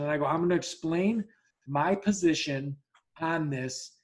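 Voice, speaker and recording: A man hosting a casual podcast chat, telling a story bluntly with lots of restarts and acting out both sides of the dialogue, swearing freely. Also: a little high. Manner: talks in repeated restarts and acts out both sides of quoted dialogue. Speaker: podcast host.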